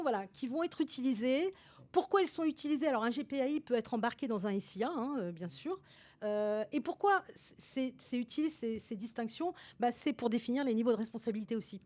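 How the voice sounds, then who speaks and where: A woman's voice: on the high side, a little mellow. A woman consultant explaining a topic over slides in a webinar, hesitant and full of fillers, with restarts and tags at the ends of her sentences.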